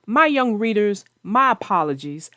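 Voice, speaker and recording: In studio quality with a dry recording, a woman with a mid-range, slightly bright voice reads and chats theatrically for young children. She's very animated, moves at a moderate pace, and addresses her young readers directly.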